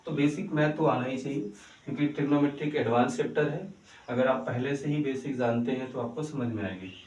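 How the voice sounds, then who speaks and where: A man's voice: mid-range voice, brisk, a little mellow, slight background noise. A male teacher giving a maths lesson in a coaching-centre classroom. He keeps asking the class questions, answers them himself, and checks in with the students again and again. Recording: echoey room, voice heard from a distance.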